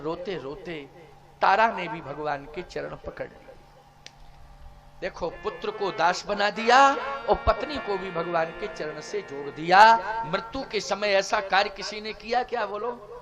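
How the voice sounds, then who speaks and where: A man with a very high voice delivers a devotional sermon at an unhurried, drawn-out pace. He speaks into a microphone at a religious gathering and keeps putting rhetorical questions to his listeners. Devotional instruments play clearly behind him. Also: music in the background. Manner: asks the audience rhetorical questions. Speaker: Ram katha preacher. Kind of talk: devotional sermon with sung verses.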